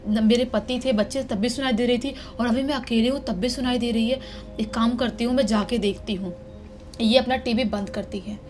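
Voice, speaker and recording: A woman's voice: a little high, fairly even intonation, brisk, a little mellow, soft background music. A woman narrating a horror story in a dramatic, suspense-building way.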